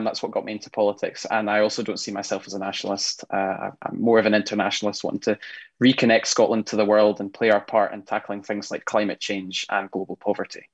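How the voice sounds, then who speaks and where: A man's voice: on the low side, muffled recording. A young adult man, a council candidate, giving confident, lightly joking panel answers.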